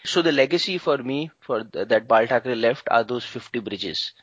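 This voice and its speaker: A man with an Indian accent hosts a conversational podcast in a medium-pitched voice. He talks informally, as if with a friend. The sound is close and dry, a little dull and lo-fi. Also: expressive, moderate pace, fairly bright tone, breathy edge, dry recording. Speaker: podcast host. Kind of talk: casual podcast chat.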